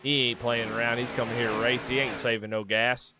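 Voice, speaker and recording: A man calling a live sim race in casual, folksy play-by-play, getting loud and excited when the cars make contact. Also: mid-range voice, brisk, noisy background. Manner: excitable, rising sharply and loud during wrecks; folksy, casual Southern phrasing. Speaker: race commentator.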